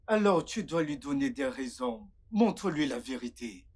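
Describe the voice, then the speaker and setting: A man dubbing a supportive friend in a film, talking in a calm, advising way. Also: fairly high pitch, normal speed, breathy edge, full character voice. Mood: concerned. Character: supportive male friend giving advice. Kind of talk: dubbed film acting.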